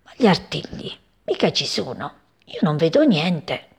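A woman's voice: sits low, sing-song, measured pace, creaky, darkish tone, breathy edge, full character voice. CP, a woman doing a chirpy little bird. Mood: grumbling. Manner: chirpy, cheeky, bold. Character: small curious cheeky young male bird.

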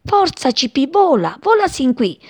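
A woman voicing a loving mother bird in a children's story, calling her chick in a high, tender voice. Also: big pitch swings, unhurried, no room sound, clean studio sound, heavily acted. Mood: urging.

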